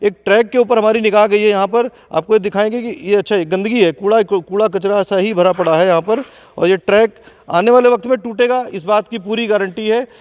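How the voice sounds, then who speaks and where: A man's voice: high-pitched, steady tone, fairly quick, a little mellow, clean tone. A man reporting live from inside a large indoor sports hall, questioning and accusing as he speaks. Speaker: field reporter. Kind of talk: on-the-spot news report. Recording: long echo of a big hall.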